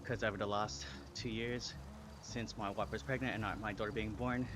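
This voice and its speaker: His voice sits on the low side, steady in tone at a moderate pace, over noise: an Australian man in his thirties chatting casually on a live stream. He's riding an indoor bike trainer at home and is a little winded.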